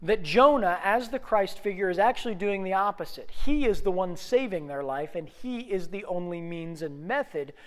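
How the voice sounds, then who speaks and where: A man's voice: high-pitched, lively intonation, normal speed, hardly any pauses, in a large hall. A man in his forties preaching a sermon as pastor, telling a personal story in a conversational, self-deprecating way before turning to scripture and prayer. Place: church sanctuary.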